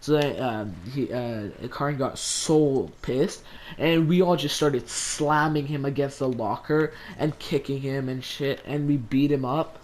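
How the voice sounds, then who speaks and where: A man's voice: mid-range voice, a little slow. A teenage boy casually telling a story to camera, rambling with lots of "like" fillers. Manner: rambling, heavy use of "like". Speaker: vlogger.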